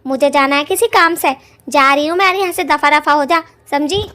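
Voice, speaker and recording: Woman voicing a shrill, cursing witch mother-in-law. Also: animated, normal speed, fairly bright tone. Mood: furious. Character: scolding old witch mother-in-law, hot-tempered. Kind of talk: cartoon voice acting.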